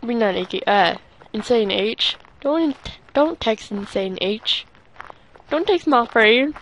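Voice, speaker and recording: A woman's voice: a little high, lively intonation, measured pace, fairly bright tone. Rambling young woman gaming, noisy recording. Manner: rambling, swears often, talks to herself while playing. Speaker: let's play gamer. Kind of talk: casual gameplay commentary.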